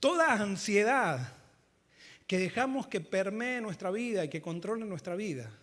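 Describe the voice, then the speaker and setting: Male pastor, high voice, fervent sermon, swings loud to hushed. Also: lively intonation, unhurried. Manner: fervent preaching that swings between loud emphatic lines and low quiet ones.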